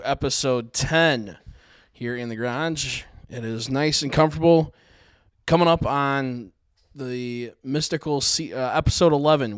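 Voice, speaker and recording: A man hosts a laid-back podcast, talking in a relaxed, rambling way. His voice is smooth and resonant, and the sound is dry and close with little room echo. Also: medium pitch. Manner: relaxed, rambling intro with fillers. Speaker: podcast host. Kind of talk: casual podcast chat. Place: home garage.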